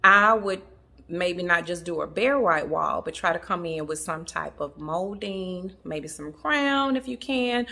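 A woman talks straight to the camera from her own home, and her bright voice leaps up and down as she makes her points. She is chatty and emphatic, laughs easily, and keeps calling her viewers y'all. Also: fairly low pitch, creaky. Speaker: interior design vlogger. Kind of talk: casual chat to camera. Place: at home in a family room. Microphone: camera in the room.

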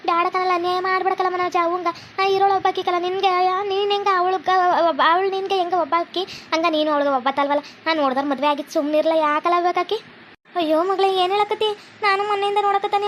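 A woman voicing a fussy, scolding village mother in a comedy cartoon. She speaks with a North Karnataka Kannada accent and nags in a rapid stream. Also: extremely high pitch, a little hiss or hum.

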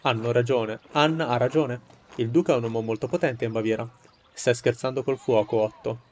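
A man's voice: mid-range voice, fairly even intonation, fairly quick, a little mellow, slight background noise, close to an everyday voice. A man voicing cautious, alarmed villagers in a game, giving stern, admonishing warnings. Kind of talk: game dialogue read aloud.

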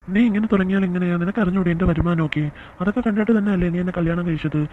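A woman's voice: fairly low pitch, steady tone, racing, voice pushed down, close to an everyday voice. A woman voicing a young working man in a cartoon, playing a son and husband who talks earnestly and then scolds. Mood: exasperated. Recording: tinny phone-like sound with faint hiss.

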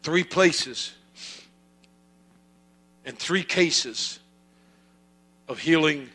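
A man preaching a sermon in a slow, drawn-out delivery. His voice sits high and rings bright and sharp, repeating phrases as he presses each point. A low electrical hum runs under the recording. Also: slightly rough. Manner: preaching with rising fervor, repetitive cadence. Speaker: pastor.

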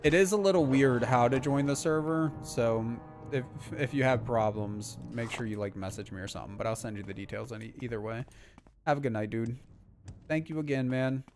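Young male game streamer, casual and rambling, mid-pitched voice, faint game music underneath. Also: brisk. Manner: rambling and relaxed, heavy on filler words. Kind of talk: casual live-stream chat while playing.

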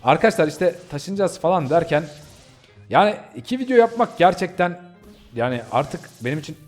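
A man talking casually over gameplay with a fairly high voice that swings widely in pitch. He chats to his viewers in an excitable way, breaking into yelps and laughs as the action picks up. Faint game music plays behind him. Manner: excitable, chatty, bursts into yelps and laughter while playing. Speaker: gaming channel host.

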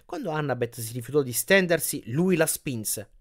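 A man's voice: a little high, lively intonation, moderate pace. Man reading an audiobook expressively. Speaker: audiobook reader.

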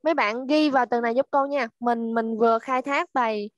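Woman teacher, high bright voice, dry close sound, drills words slowly for kids. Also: no echo, highs cut off. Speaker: English teacher. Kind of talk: online English class for children. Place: at home.

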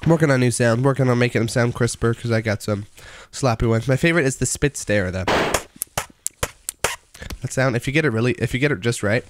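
A young man streaming a video game live, chatting casually, reading chat aloud and breaking into excited outbursts while he plays. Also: medium pitch, fairly quick, background noise.

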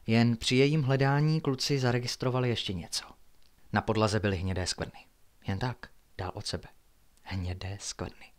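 Man, author reading a bedtime horror story, hushed and suspenseful, mid-pitched voice. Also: clear, resonant tone. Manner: hushed, suspenseful, drops to near-whispers.

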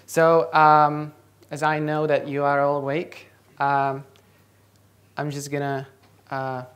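Slow and completely flat, a young man's slightly high, fairly bright voice carries through a handheld mic in a large lecture hall. A native Czech speaker from the Czech Republic, he is giving a tech talk on stage as a conference speaker and often stops to quiz the audience.

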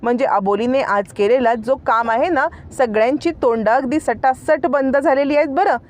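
A woman's voice: sits high, moderate pace, a little mellow, close to an everyday voice. A woman voicing an admiring young groom who speaks approvingly, in a retold serial story.

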